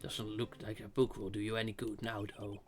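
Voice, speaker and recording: A man voicing a gruff, put-upon, blustery police detective from a video game, grumbling as he talks. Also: lowish voice, flat delivery, a little fast, faint music behind, lightly acted. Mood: dismissive. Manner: grumbling, calls people pal. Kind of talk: amateur voice-acting of video game dialogue.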